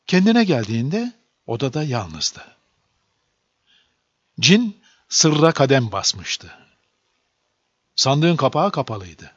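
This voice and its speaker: A man narrating a children's storybook aloud in a lively, expressive reading. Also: mid-range voice, takes it slowly, long pauses, no echo. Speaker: audiobook narrator. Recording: dull lo-fi dry recording.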